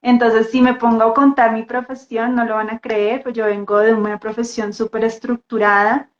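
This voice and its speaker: A guest dance therapist with a Bogotá Colombian accent gives a casual, reflective personal introduction during a live talk, halting and repeating words as she speaks. Her voice is a little high with a flat delivery. The audio is dull and muffled in an echoey room.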